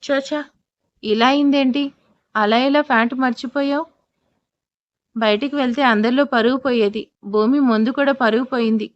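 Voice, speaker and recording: A woman's voice: high-pitched, fairly even intonation, moderate pace, pauses often, no echo, lo-fi sound, natural voice. A woman voicing a confused, flustered young husband who asks bewildered, defensive questions. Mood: embarrassed.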